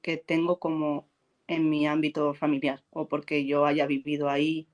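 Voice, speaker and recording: A woman's voice: sits low, moderate pace. A woman, an actress from Spain, chatting in an interview and telling anecdotes, acting out quoted lines and laughing often. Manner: animated storyteller, acts out quotes and laughs a lot. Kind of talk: casual interview chat.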